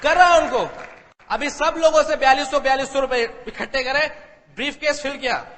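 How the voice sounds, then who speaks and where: A man telling his story to an audience as a motivational speaker, animated and acting out the dialogue. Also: very high voice, fairly quick, some chatter behind, a little hiss or hum. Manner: animated, acts out dialogue, mixes in English. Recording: long hall reverb.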